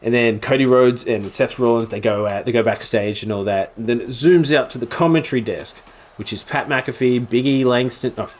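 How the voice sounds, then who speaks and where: A young man casually recapping a wrestling event, getting excited and acting out the moments with sudden high outbursts. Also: brisk. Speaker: wrestling commentary YouTuber.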